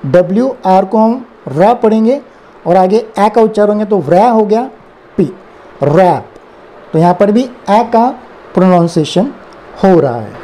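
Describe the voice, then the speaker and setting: Indian male tutor, unhurried and patient, spells out each word then says it again, soft darkish tone. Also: high-pitched, lively intonation. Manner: spells words letter by letter, then repeats them. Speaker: English teacher. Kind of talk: slow explanatory phonics lesson.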